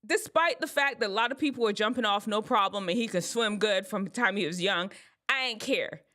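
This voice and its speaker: A woman hosting an advice show, telling a personal story in a casual, expressive way. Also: mid-range voice, brisk. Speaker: host giving advice to teens.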